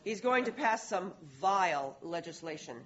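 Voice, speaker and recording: A grave otherworldly herald declaims humanity's coming troubles in a solemn, measured cadence, as an actor performs it. The audio drama recording has a muffled, lo-fi quality. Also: mid-range voice, lively intonation, crowd noise, natural voice.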